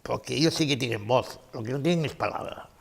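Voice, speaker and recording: A man's voice: mid-range voice, a little fast, gravelly, husky. A man giving a conference lecture, emphatic, repeating his key phrases and asking rhetorical questions.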